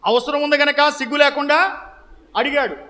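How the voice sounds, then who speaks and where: A man's voice: extremely high pitch, steady tone, moderate pace, bright, forceful tone. A man preaching and teaching scripture, asking his listeners questions, answering them himself and repeating key phrases for emphasis. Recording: long reverb of a large hall.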